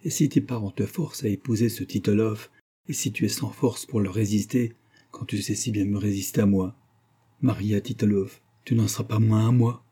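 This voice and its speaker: Desperate young lover, impassioned, low and husky, man reading the part. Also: steady tone, moderate pace, mellow. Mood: passionate. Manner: intense, impassioned. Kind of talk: audiobook reading.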